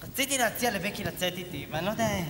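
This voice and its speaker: A man's voice: sits high, expressive, noisy background. An actor playing a shy young man who hesitates over asking a girl out. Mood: timid. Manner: timid, hesitant. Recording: echoey room with long reverb.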